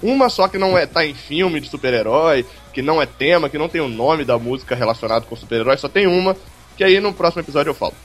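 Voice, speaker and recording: A man's voice: a little high, expressive, fast, soft background music. A man co-hosting a podcast in casual, teasing banter, repeating phrases for emphasis. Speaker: podcast co-host.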